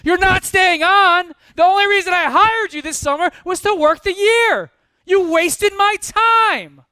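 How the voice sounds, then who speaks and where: A man voicing a furious older male boss at a law office, shouting and stammering in rage. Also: very high voice, unhurried, no room sound, pitched above the performer's own voice, exaggerated voice.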